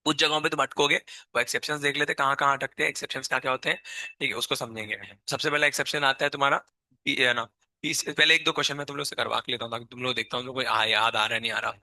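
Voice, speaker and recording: A man's voice: medium pitch, steady tone, very fast, pushed and bright, dry recording. A man teaching a live chemistry class with a sore, strained throat, constantly quizzing his students and scolding them.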